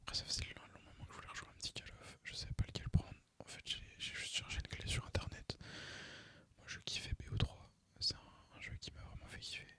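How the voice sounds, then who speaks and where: Talking at a quick pace in an intense, unvoiced whisper, this young Frenchman rambles casually over his game for an ASMR audience. He comes across as relaxed and slangy, with some hesitation.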